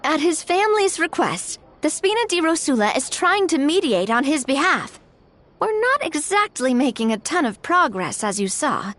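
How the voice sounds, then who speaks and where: Poised, high-voiced young heroine. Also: female voice, big pitch swings, normal speed, a bit bright. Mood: weary, explanatory. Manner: polite, composed, firm. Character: poised, principled, friendly young woman leader. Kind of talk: animated game voice acting.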